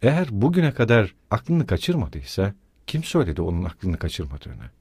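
A man narrating a literary audiobook, with measured delivery and quieter, lower dialogue lines. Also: huge pitch swings, breathy edge, no echo, studio quality.

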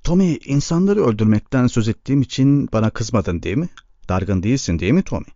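A man's voice: mid-range voice, lively intonation, brisk, mellow, no room sound, muffled recording, natural voice. A man voicing a bitter, grieving old farmer. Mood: anxious. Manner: brooding, bursts into anger.

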